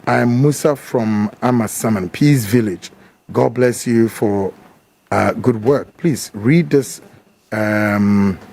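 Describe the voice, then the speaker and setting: A man with a Ghanaian accent hosting a live show, reading viewer messages aloud with quick asides and slipping into Twi. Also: fairly low pitch, darkish tone.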